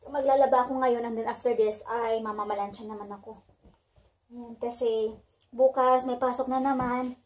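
Chores fill the day this vlogger documents, a woman in her thirties chatting to the phone camera in her hand as she moves through her house and backyard. The voice is fairly high and a little mellow, with fairly even intonation and a moderate pace, suited to a relaxed home vlog.

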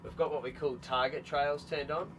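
A man in his thirties with an Australian accent, explaining equipment in a relaxed, matter-of-fact way on a boat deck. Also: fairly high pitch, normal speed. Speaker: product representative. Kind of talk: casual technical explanation. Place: open deck of a boat on a bay, outdoors. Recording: slightly distant from mic, music underneath.

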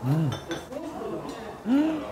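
A man's voice: very high-pitched, wildly swooping pitch, drawn-out words, very noisy. A young man vlogging a meal with his mouth full, humming and exclaiming with pleasure between bites as he narrates the food. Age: young adult. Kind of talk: mukbang food vlog narration. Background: background music.

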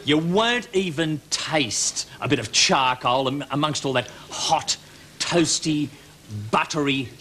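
A comedy TV cooking presenter, an Australian man whose voice sits on the high side, slowly works through a mock cookery demonstration with theatrical mock-earnestness in a studio kitchen set. Audience noise, laughter and clicks fill the noisy old TV recording.

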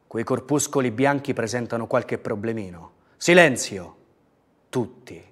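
Guy doing a show-off young fella preaching fake sermons, loud and hammy, normal pitch. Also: expressive, unhurried, breathy edge. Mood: mock-preaching. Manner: loud, theatrical, mock-solemn. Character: pompous mocking young man preaching mock sermons.

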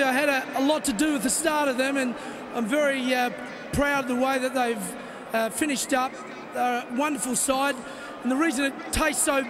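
Australian man's halting speech in a stadium. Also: very high-pitched. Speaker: presenter at trophy ceremony. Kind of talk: public speech. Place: outdoors on a stadium ground. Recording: crowd and stadium noise behind.

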